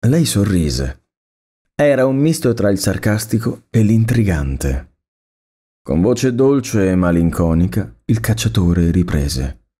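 Man, story narrator, low mellow voice, expressive rise and fall, measured reading. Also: breathy edge.

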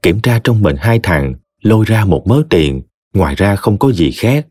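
A man with a Southern Vietnamese accent narrating a story in an expressive, folksy way. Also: lowish voice, normal speed, husky, no room sound.

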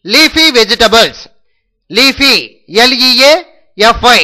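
High, bright, slow Telugu teacher. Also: male voice, animated. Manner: spells words letter by letter, repeating each word. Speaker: spoken English teacher. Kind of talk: slow spelling lesson in Telugu.

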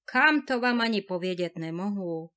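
A woman's voice: mid-range voice, expressive, sharp tone, voice pushed down. A woman doing an apologetic old innkeeper. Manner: slow, apologetic, explaining. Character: anxious village innkeeper, older man. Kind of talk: fairy tale read aloud.

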